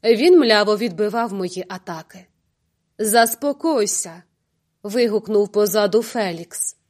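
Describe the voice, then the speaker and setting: Expressive woman reading an audiobook. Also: medium pitch, moderate pace. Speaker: narrator. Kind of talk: audiobook narration.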